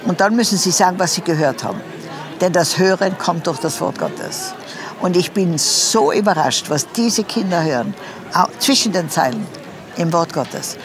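A woman speaking as an interview guest, sometimes pausing to search for words. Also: lowish voice. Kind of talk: casual faith conversation.

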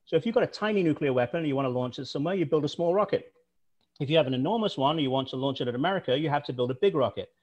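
A man's voice: fairly high pitch, lively intonation, racing, darkish tone, dull audio. A man speaking as a guest on a video call, telling history anecdotes in an enthusiastic, storytelling way. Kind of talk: storytelling talk.

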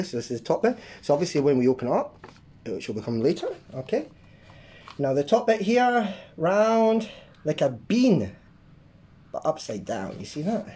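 This is a host leading a drawing lesson for kids. The voice swoops up and down with lots of melody. They pepper the instructions with playful beeps and booms and keep checking that the viewer is following. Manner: lively, makes playful sound effects while drawing. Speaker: children's art class host.

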